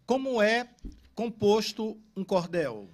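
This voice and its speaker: Man, high voice, podcast host, casual, friendly greetings. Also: very animated, slow pace. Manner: friendly, greets live viewers. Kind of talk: casual interview talk.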